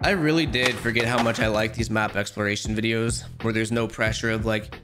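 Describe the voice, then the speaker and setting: A man giving casual, jokey commentary while playing a skateboarding game, talking to himself and reacting out loud. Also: lowish voice, fairly even intonation, a little fast, noisy background. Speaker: gaming YouTuber.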